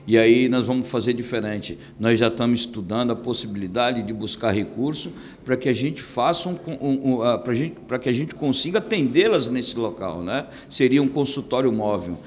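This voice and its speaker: A middle-aged man, a city councillor, giving an interview into a handheld microphone and speaking haltingly with repeated restarts. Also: medium pitch, expressive, a little hiss or hum. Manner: hesitant, with fillers and restarts.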